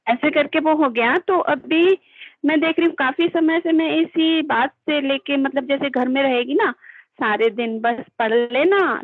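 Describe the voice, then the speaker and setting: High-voiced woman on a tinny call. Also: dry recording. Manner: hesitant, with long pauses and fillers. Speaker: caller sharing a meditation experience. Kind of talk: casual spoken testimony on an online call. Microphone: video call. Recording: tinny phone-like call audio, dry.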